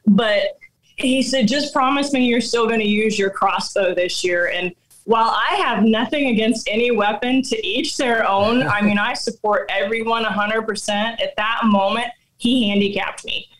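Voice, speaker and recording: A middle-aged woman, telling a personal hunting story in casual chat, animated and often laughing. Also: fairly high pitch, moderate pace, poor audio. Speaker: guest hunter.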